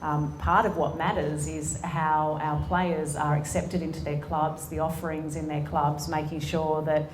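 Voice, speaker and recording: A woman's voice: sits low, flat delivery, a little slow, hardly any pauses, slight background noise. A woman in her forties with an Australian accent, speaking earnestly with many ums and restarts as a guest in an on-stage conversation. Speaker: sports executive and guest speaker. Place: conference room before an audience. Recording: echoey event room.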